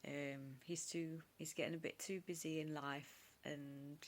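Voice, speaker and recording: A woman's voice: sits low, flat delivery, measured pace, slight background noise. A young woman, talking to a phone camera in an upset, rambling, confessional vlog with lots of fillers. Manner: rambling, emotional, many fillers and restarts. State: upset, tearful. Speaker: vlogger. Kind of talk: casual confessional chat to camera.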